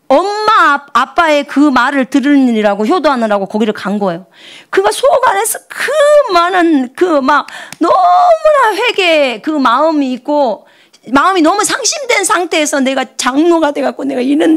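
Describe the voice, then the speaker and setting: A middle-aged woman missionary delivers a sermon with a high, bright voice that swings widely in pitch. She tells her story lively, dropping to hushed asides and then rising into excited, high-pitched outbursts. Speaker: missionary preacher.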